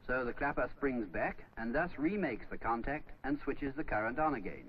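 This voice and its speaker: Step-by-step and didactic, a male narrator guides viewers through a scripted instructional film from the 1950s, his mid-range voice lively in intonation and at normal speed. It comes through a dull, noisy period film soundtrack.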